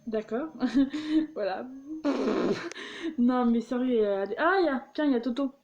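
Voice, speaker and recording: A woman's voice: on the high side, moderate pace, darkish tone, dull audio. A young woman reading jokes aloud and explaining them, giggling often and tripping over her words. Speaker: vlogger.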